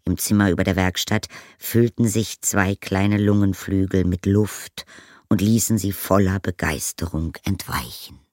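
A man narrating an audiobook in a measured, calm storytelling manner. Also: low-pitched, dry recording, studio quality. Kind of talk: scripted narration.

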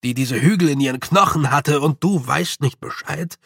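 A man voicing a tiny, tough clan chief of little fairy men who speaks slowly, nervously and deferentially. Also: fairly high pitch, vocal fry, fairly bright tone, husky, no echo, studio quality, full character voice. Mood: astonished.

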